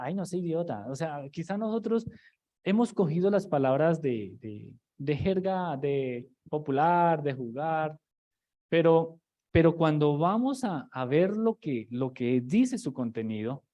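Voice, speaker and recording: A man teaches from the pulpit in a loose, conversational way, restarting phrases and throwing rhetorical questions at his congregation. His voice sits a little on the high side for a man. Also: dark tone. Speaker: preacher. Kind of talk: sermon teaching.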